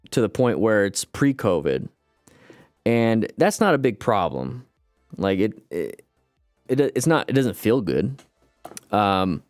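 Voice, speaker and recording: Smooth and on the low side, this man's voice comes through in studio quality with no echo. In his late thirties, he hosts a laid-back livestream, loosely chatting and replying to comments, addressing viewers as "guys" in a relaxed, rambling manner.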